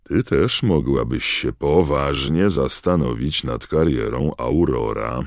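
A man voicing a gruff, scarred old wizard and veteran auror, speaking slowly and bluntly in a hoarse growl. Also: a bass voice, no room sound, clean studio sound, heavily acted. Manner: slow, blunt, commanding.

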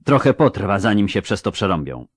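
A man's voice: on the low side, big pitch swings, brisk, husky, no echo, studio quality. A man doing a cheeky young girl fighter.

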